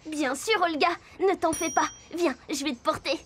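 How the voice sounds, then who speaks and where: Here the same cartoon role gets a high-pitched, lightly acted reading at normal speed, with a little hiss or hum on the recording. A woman voices the main character and narrator, a curious, cheerful little girl who journeys to her animal friends, sounding bright-eyed, inquisitive and enthusiastic.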